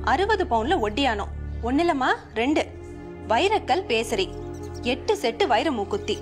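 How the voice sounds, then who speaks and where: An actress playing a bold young woman writer who is confident and defiant, in a television serial. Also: sits high. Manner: confident, teasing. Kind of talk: 1990s television serial acting. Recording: music underneath.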